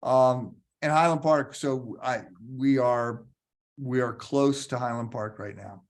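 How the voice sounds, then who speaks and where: A man's voice: medium pitch, slow pace. Rambling podcast host, man. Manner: rambling, many ums and restarts. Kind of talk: casual podcast introduction.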